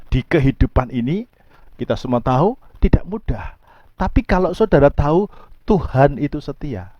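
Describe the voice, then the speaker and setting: A man preaching a sermon in a fairly high voice, pressing his points hard and then sinking to quiet low asides. The sound is dry and close, with no room around it. The recording is dull and lo-fi. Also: big pitch swings, normal speed, dry recording. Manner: emphatic, swinging between soft low asides and high pleading outbursts. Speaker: pastor.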